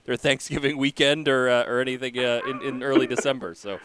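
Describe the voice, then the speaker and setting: A man's voice: mid-range voice, little pitch movement, a little fast, fairly bright tone, slight background noise. A male podcast host in easygoing sports talk, often agreeing and filling with uhs. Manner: agreeable, lots of yeahs and uhs. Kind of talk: casual sports podcast chat.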